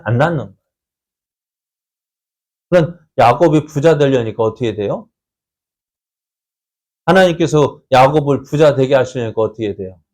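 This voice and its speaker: A man's voice: mid-range voice, darkish tone. A man pastor preaching a sermon in a church, asking the congregation rhetorical questions.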